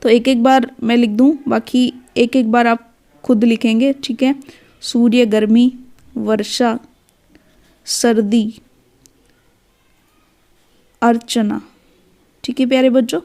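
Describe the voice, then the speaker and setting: A woman teacher with a fairly high voice talks young children through a phonics lesson. She is patient and careful, saying each word slowly and clearly, and then saying it again. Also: flat delivery, mellow.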